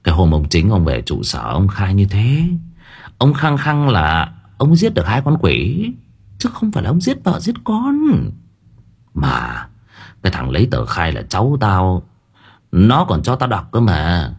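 A man voicing a gruff, blunt older village man. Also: low voice, huge pitch swings, a little slow, heavily acted. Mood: insistent. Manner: blunt, rough-spoken.

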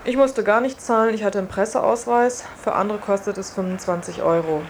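A woman reporter, also taking part in the test, describes her own experiences in a casual first-person way. Her voice sits at medium pitch and moves fairly quickly. Faint background ambience and noise can be heard.

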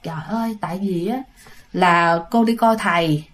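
A woman's voice: fairly low pitch, moderate pace, voice pushed down, close to an everyday voice. A woman voicing a worried older mother who pleads earnestly.

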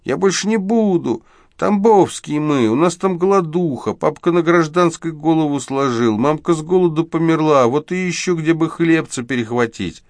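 A man voicing a cheeky, sly homeless boy with a thin, husky voice, in an audiobook. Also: fairly high pitch, moderate pace, darkish tone, no room sound, clean studio sound, voice pushed up, close to an everyday voice. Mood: whining. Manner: whines and pleads when caught.

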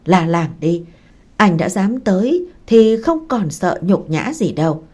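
A woman's voice: lowish voice, very animated, slow, a little mellow, slightly rough, exaggerated voice. A woman voicing a drunken, stubborn ex-husband who pleads and insists. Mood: pushy.

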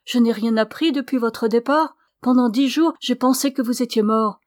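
A woman's voice: fairly high pitch, normal speed, a little mellow, no echo, studio quality, voice pushed up, natural voice. A woman reading as a frantic young woman in love. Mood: tender, resolute. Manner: urgent, pleading questions. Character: young woman, anxious, devoted lover.

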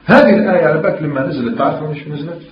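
A man with an Algerian Arabic accent teaches at a fast pace, pressing his listeners with questions and quoting scripture. The sound is roomy and echoey, with a dull lo-fi tone and faint hiss behind it. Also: on the high side. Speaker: religious teacher. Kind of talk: Islamic lesson in mixed Algerian dialect and classical Arabic. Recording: echoey, dull lo-fi room recording.

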